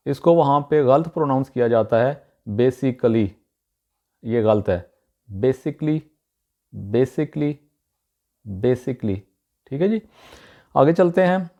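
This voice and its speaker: A man's voice: a little high, darkish tone. Man teaching pronunciation. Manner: repeats example words slowly, many "uh" pauses. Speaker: YouTube teacher. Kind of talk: pronunciation lesson.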